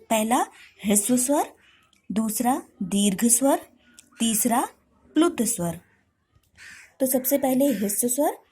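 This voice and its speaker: A woman Hindi teacher giving an online grammar class, explaining slowly and clearly with lots of repetition. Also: fairly high pitch, dark tone.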